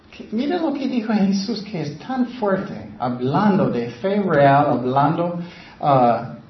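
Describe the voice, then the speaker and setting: A man preaching a sermon in Spanish with passion, speaking loudly and swinging between sudden rises and drops, his phrasing slightly broken. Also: fairly high pitch. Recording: roomy, slightly dull sound.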